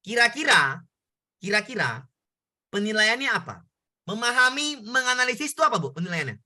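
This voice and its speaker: A man's voice: high-pitched, sing-song, normal speed, bright, forceful tone. A man tutoring students in an online exam-prep lesson, repeating points and checking whether they understand. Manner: repetitive, coaxing questions to students.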